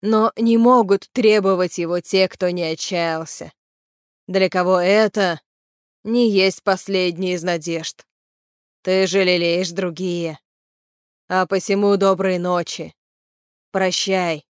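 A woman voicing a tall farmer who speaks a grave, measured farewell. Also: lowish voice, steady tone, smooth, no echo, studio quality. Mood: solemn.

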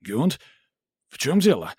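A man's voice: medium pitch, normal speed, no room sound, voice pushed up, natural voice. A man voicing a cowardly, whining male factory manager who squeals and pleads. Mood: pleading.

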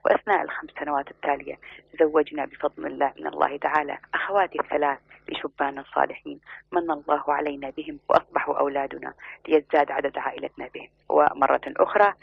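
A man's voice: on the high side, little pitch movement, quick pace, creaky, husky, dry recording. A man reading a first-person story aloud in an earnest, flowing way. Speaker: narrator. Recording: muffled lo-fi recording.

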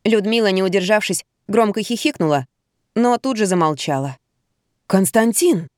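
A woman narrates a first-person audiobook with a wry, lively touch. Her pitch sits in the middle, and the sound is dry and close to the mic. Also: normal speed, dry recording.

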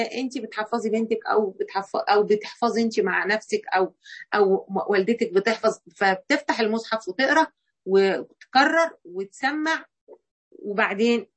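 A woman's voice: a little high, slightly rough. A middle-aged woman with an Egyptian accent giving a conversational religious lecture to women, often restarting and quoting dialogue. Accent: Egyptian Arabic. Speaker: Quran teacher.

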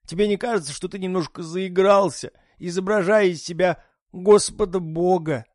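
A man voicing a weary, pious old father with a dry voice, quiet and reproachful. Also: sits high, moderate pace, no echo, pitched above the performer's own voice, natural voice.

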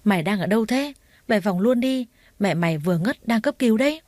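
A woman's voice: mid-range voice, expressive, brisk, a little mellow, dry recording, lightly acted. A woman voicing a blunt, caring young female friend in a narrated story, talking in a familiar way. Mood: urgent.

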